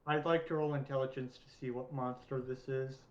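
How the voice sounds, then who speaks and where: A man's voice: medium pitch, steady tone, fairly quick, reverberant, lo-fi sound. A man playing a tabletop game, speaking casually and matter-of-factly. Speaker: player.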